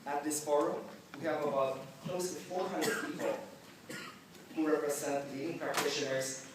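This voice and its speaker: A man raised in the Philippines gives measured welcome remarks as the organizer of a forum in a large conference hall, correcting himself now and then. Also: fairly high pitch, fairly even intonation, heavy background noise. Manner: measured, deliberate delivery with occasional slips. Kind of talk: formal prepared speech. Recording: echoey hall, mic at a distance.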